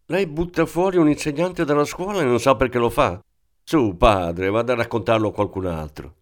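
A man's voice: medium pitch, animated, normal speed, smooth, voice pushed up, lightly acted. A man reading an audiobook, voicing a hot-tempered deputy police inspector who barks blunt threats like a drill sergeant. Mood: angry. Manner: blunt, barking, barracks tone.

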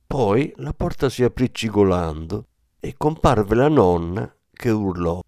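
Deep-voiced somber male audiobook narrator. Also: lively intonation, unhurried, mellow, dry recording, clean studio sound. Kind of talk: audiobook reading.

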